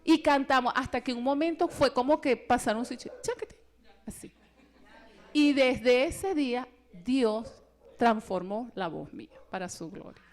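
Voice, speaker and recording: A woman gives a spirited testimony at a church retreat. Her voice sits high. She tells her story with energy and acts out the voices of others along the way. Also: measured pace, slight background noise. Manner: animated storytelling, acting out quoted voices. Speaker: retreat speaker. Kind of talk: personal testimony in a retreat talk.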